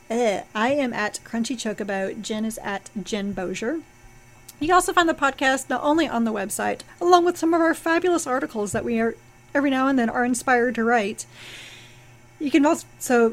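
A woman co-hosting a casual comics podcast, rambling through plot recaps with fillers and restarts. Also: a little high. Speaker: podcast co-host.

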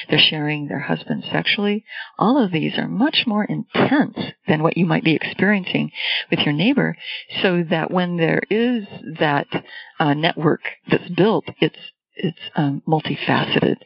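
A woman academic answering interview questions over a low quality stream, thoughtful and pausing often. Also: expressive, gravelly, breathy edge, no echo. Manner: thoughtful, hesitant with pauses. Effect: low quality stream audio. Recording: muffled lo-fi call audio.

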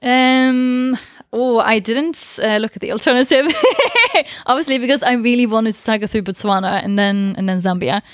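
A woman's voice: a little high, normal speed, dry recording, clean studio sound. A woman guest in a conversational interview, speaking thoughtfully and hesitantly with frequent fillers and laughs. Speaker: interview guest, long-distance cyclist.

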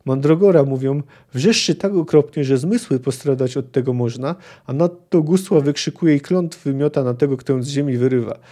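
A man's voice: medium pitch, moderate pace, few pauses, dark tone, close to an everyday voice. A man reading aloud as a boisterous, tipsy male dwarf who talks in a blunt, folksy way. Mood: boastful.

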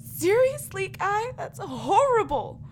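A woman's voice: extremely high pitch, sing-song, slow pace, slight background noise, full character voice. A woman voicing a tearful grieving woman who is secretly a swindler, in a comedic audio drama. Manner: tearful, trembling.

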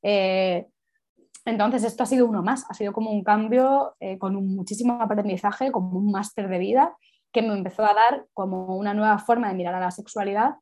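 A woman's voice: medium pitch, a little fast, a little mellow. A woman sexologist, reflecting candidly in a casual interview and rambling through many asides.

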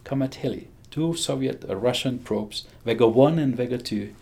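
A Hungarian-accented physicist in his sixties speaks enthusiastically in a conversational interview, chuckling often and restarting his sentences. His mid-range voice has a darkish tone and moves at a moderate pace.

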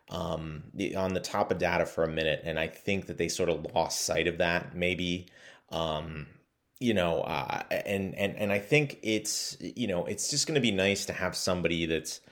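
A man co-hosting a casual sports podcast, relaxed and hedging, with frequent fillers. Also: sits low.

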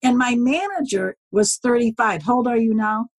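A woman's voice: fairly high pitch, expressive, normal speed, dry recording. A woman in her seventies, a podcast guest, telling stories in a rambling, folksy way with many asides. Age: 70s. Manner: rambling, folksy, often circles back with asides. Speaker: podcast guest, social media consultant. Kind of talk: casual storytelling interview.

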